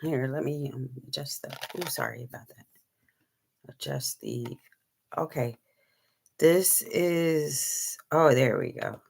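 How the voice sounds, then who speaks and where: Gravelly low-voiced woman chatting on a live stream. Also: slow, long pauses, darkish tone. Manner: rambling, many ums, shows items to camera. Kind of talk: casual live-stream chat.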